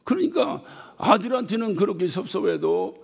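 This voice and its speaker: A male pastor preaching a sermon, telling stories about his congregation with lively acted-out quotes and bursts of shouting. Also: high voice, moderate pace, gravelly, husky. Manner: animated storytelling, mimics congregants and shouts. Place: church hall. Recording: reverberant church hall.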